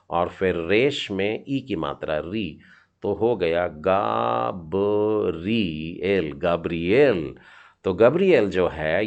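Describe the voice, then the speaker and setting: A man with a deep, low voice teaches a children's Hebrew lesson at an unhurried pace. He sounds out each letter patiently and cheers his young students on. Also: highs cut off.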